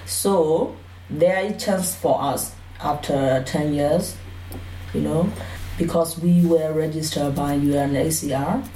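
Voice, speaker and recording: Speaking slowly in a low, mellow tone, a Karen woman from Burma recounts her life in an interview, her Burmese accent clear and her delivery plain, a bit hesitant and sprinkled with "you know." She is a native Karen speaker. The audio sounds far off and echoey, with a little background noise.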